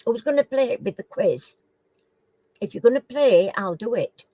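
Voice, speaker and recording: Casually hosting a live chat quiz, a woman reads questions aloud and repeats them, her articulation slightly slurred and toothless. She has a slightly high, warm voice with lively intonation and an unhurried pace, recorded dry with poor audio.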